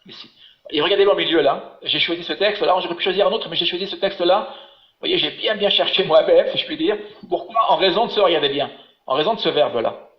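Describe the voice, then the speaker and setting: A man's voice: high-pitched, fairly quick. A man teaching biblical Hebrew in an online class, patient and encouraging, explaining step by step. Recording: echoey room, dull webinar audio.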